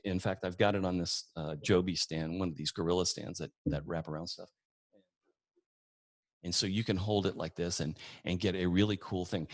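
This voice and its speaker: Deep-voiced chatty man demoing gear. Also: dry recording. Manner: chatty, folksy, tells anecdotes with acted-out dialogue. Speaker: webinar presenter. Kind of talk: casual demo lesson.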